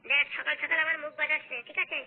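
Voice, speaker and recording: A woman's voice: high voice, little pitch movement, fast talker. A woman voicing a stubborn, hot-tempered husband who scolds his wife in a comedy skit. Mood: blustering. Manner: scolding, blustering. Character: hot-tempered husband Phuto, young adult man, stubborn. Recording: phone-like narrow sound.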